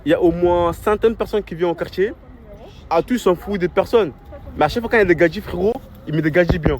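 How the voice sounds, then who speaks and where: Fast-talking man in street slang. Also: high-pitched, darkish tone. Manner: French suburban street slang; repeats words insistently. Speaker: vlogger filming friends and food orders. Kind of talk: excited casual banter. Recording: crowd chatter in urban surroundings.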